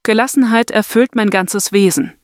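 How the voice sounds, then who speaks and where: A woman narrating a scripted guided meditation and affirmations in a soft, soothing, deliberate manner. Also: medium pitch, no echo, studio quality.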